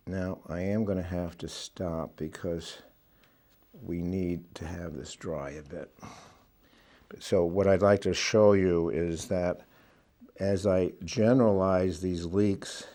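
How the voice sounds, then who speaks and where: A man giving a relaxed watercolour painting demonstration, thinking aloud as he works. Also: low voice, takes it slowly. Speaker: watercolour instructor.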